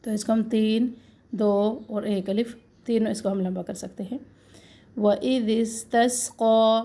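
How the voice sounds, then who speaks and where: Slow, soft-voiced Urdu recitation teacher woman. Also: medium pitch. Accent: Pakistani Urdu. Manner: patient and corrective, demonstrating words slowly then explaining quickly. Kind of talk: Quran recitation lesson, slow drawn-out recitation with quick explanations.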